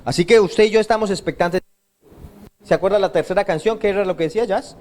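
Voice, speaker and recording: High-voiced pastor questioning his flock. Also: fast, darkish tone. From Colombia. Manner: call-and-response questioning of the congregation. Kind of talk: sermon. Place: church service.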